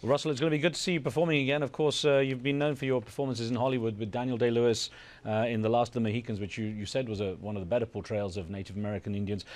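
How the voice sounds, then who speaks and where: A male host running a broadcast interview and bringing in callers briskly. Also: medium pitch, steady tone.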